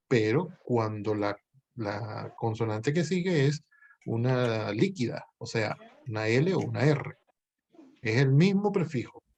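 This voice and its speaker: A male language professor explaining grammar to his students, patient and thinking aloud, with pauses and self-corrections. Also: medium pitch, a little mellow.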